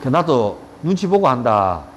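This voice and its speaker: A man's voice: mid-range voice, very animated, unhurried, a little hiss or hum. A middle-aged man with a Gyeongsang accent, giving a yoga lecture and telling joking stories in coarse, blunt language. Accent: Gyeongsang Korean. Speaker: yoga teacher. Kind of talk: casual lecture with anecdotes. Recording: reverberant room with faint ambience.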